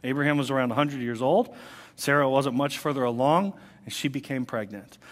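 A man's voice: medium pitch, a little fast. A male pastor preaching a sermon, telling a story with energy and acting out the people in it. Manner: animated storytelling, acting out voices. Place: church sanctuary. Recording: long church hall reverb.

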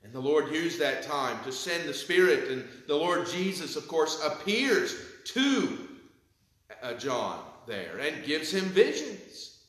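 A man in his thirties preaching a sermon from a pulpit in a church sanctuary, with measured delivery. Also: fairly high pitch, big pitch swings, a bit bright, heavy reverb, poor audio. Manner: measured preaching, reads scripture with rising emphasis. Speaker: pastor. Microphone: pulpit mic, far camera.

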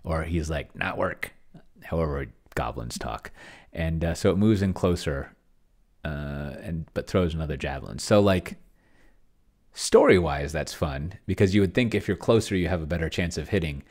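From a small cluttered room, a middle-aged host plays solo tabletop roleplaying with a chatbot, his extremely low, slightly mellow voice at normal speed. His casual screencast commentary rambles as he muses to himself while reading along.

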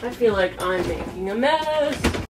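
In a small home kitchen, a woman in her twenties from the US East Coast cooks and chats casually to camera, thinking aloud. Her mid-range voice has lively intonation and a slightly slow pace. The camera sits a few feet away, so she sounds distant, and the background is noisy with music.

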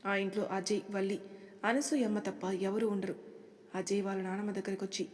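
A woman narrating an audio story in a steady, dramatic way. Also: mid-range voice, fairly quick, in a large hall.

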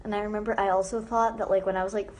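A teenage girl talks very fast on a phone live stream, replying to viewer comments, her medium-pitched voice barely rising or falling. She says "like" constantly and drifts off into quiet asides, with the front camera held close.

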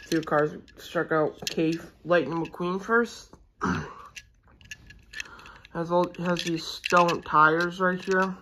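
Excited about the toys, a reviewer gives a casual home unboxing on a handheld phone, rambling hesitantly and restarting many times. Medium pitch; poor audio with slight background noise.

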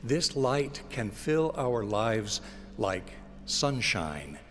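A middle-aged man giving a scripted inspirational message at a lectern mic, with a slow, measured, gentle delivery. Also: mid-range voice, big pitch swings. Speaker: broadcast inspirational speaker. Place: indoor stage with flowers. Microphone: stand mic on lectern. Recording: long hall reverb with soft music. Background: soft music.

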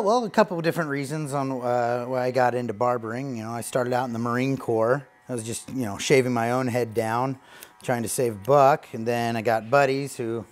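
A man in his thirties, a barbershop owner, talking earnestly and gratefully in a casual interview while he cuts hair, with lots of fillers. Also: medium pitch. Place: barbershop basement.

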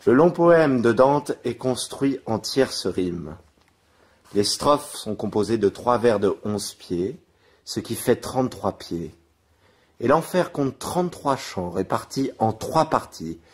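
An actor playing a witty, needling Elizabethan poet in a radio drama, speaking with erudite sarcasm. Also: male voice, mid-range voice, expressive, takes it slowly, breathy edge. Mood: erudite, explaining. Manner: sardonic, erudite. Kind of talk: French radio drama acting.

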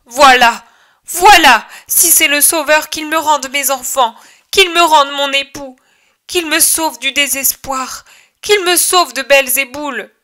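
A woman's voice: very high-pitched, slow, bright, forceful tone, voice pushed up, full character voice. A woman reader voicing a grieving mother who cries out in despair over her lost children, in a shrieking, sobbing outcry for an audiobook. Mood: anguished wailing. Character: grieving bereaved young mother, wailing in despair.

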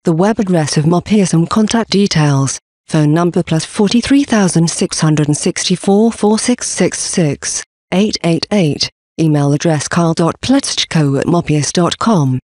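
A man giving a scripted presentation for a company, reading slide contents and symbols aloud in a steady, even delivery. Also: a little high, a little slow, no room sound, clean studio sound.

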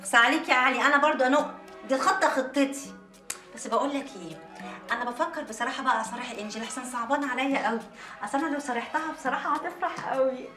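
A woman's voice: high voice, racing, bright, forceful tone, reverberant, distant mic, faint music behind. An actress playing a scheming, playful female friend who teases in an Egyptian Arabic accent.

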